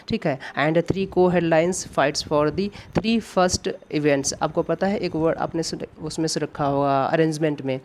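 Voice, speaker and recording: A man teaching English grammar for exam preparation, asking himself questions, answering them, and reading example sentences very slowly. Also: a little high, darkish tone. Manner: asks rhetorical questions and answers them, repeating key points. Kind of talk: classroom lecture explaining grammar questions.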